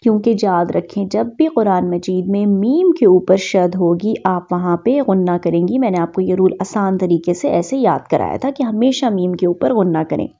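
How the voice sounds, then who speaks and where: Woman, tajweed teacher, patient explanations, slow drawn-out recitation, mellow voice, muffled lo-fi audio. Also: medium pitch, expressive. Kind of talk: online tajweed lesson with slides.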